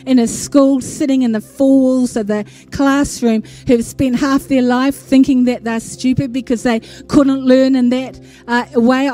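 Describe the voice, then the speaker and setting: A woman with a fairly high, mellow voice speaks over music. She delivers a prophetic church address earnestly, declaiming it in short phrases. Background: music behind the voice.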